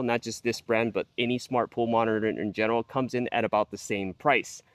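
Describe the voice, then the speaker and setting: A man presents a product review in an explanatory way, with a mid-range voice. He restates key points for emphasis. The sound is dry, with very little room echo. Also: mid-range voice. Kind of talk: product review talk to camera.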